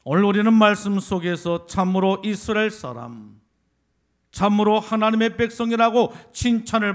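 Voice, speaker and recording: Male pastor from Jeolla, sermon delivery, high and ringing, rhetorical questions to the pews. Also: clear, resonant tone. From Jeolla, South Korea. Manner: asks the congregation rhetorical questions; swells louder on emphatic points.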